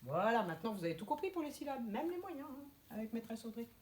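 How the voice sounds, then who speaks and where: A woman teaching a kindergarten handwriting lesson, her voice rising and falling a lot as she explains each stroke. She is precise and gently firm with the children. The classroom gives her voice a noticeable echo. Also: fairly high pitch, sing-song, quick pace, noisy background.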